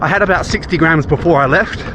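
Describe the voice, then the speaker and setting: An Australian man chats casually while running for his vlog, recorded outdoors with clear background noise. His voice is a little high and he speaks fast.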